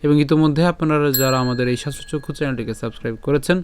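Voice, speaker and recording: A man teaching the pronunciation of a Sanskrit verse syllable by syllable, asking and answering his own questions and chanting the lines slowly. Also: mid-range voice, slight background noise. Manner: breaks words into syllables, repeats them, asks and answers his own questions. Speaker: Gita recitation teacher. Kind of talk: step-by-step Sanskrit pronunciation lesson.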